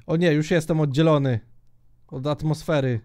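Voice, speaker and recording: A young man giving joking, excitable commentary while he plays a multiplayer block-building minigame, often shouting at other players. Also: on the high side, normal speed. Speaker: gaming YouTuber.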